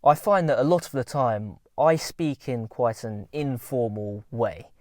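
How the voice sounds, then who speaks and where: A man's voice: medium pitch, unhurried, darkish tone. A young man talking casually to camera, giving earnest, informal self-improvement advice.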